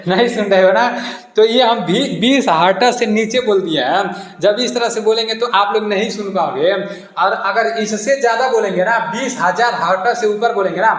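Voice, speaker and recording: A man's voice: sits high, moderate pace, fairly bright tone, roomy sound. A man coaching exam students through a quiz, repeating each question and giving the answer. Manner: repetitive, asks each question twice and answers it.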